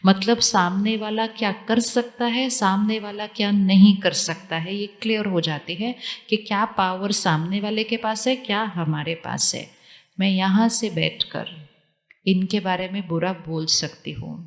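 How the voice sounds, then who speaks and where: A woman giving a spiritual talk to a live audience, calmly repeating questions to her listeners. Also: medium pitch, unhurried, in a large hall. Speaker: spiritual teacher.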